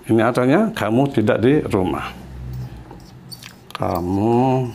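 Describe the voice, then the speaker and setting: A man teaching a Spanish lesson in a classroom. He explains slowly and patiently and repeats each example. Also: medium pitch, mellow, a little hiss or hum.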